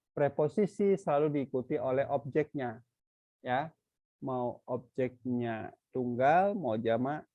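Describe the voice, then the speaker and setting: A man teaching English grammar in a slow, deliberate lecture, often checking in with "ya" and "oke" and posing questions that he then answers himself. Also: medium pitch, no echo, dull audio. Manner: poses questions to the viewer, then answers them.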